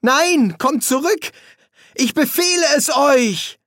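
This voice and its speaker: Man voicing a high, eager young boy for an audiobook, dry close sound. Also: sing-song, unhurried, no room sound. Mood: frantic. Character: boy leader, eager, turning commanding then frantic.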